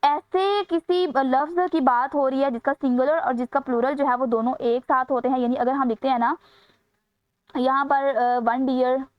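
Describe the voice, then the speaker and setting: A woman's voice: sits high, steady tone, moderate pace, dry recording. A woman teaching an exam grammar lesson, explaining step by step and repeating key phrases. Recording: dry, slightly dull sound.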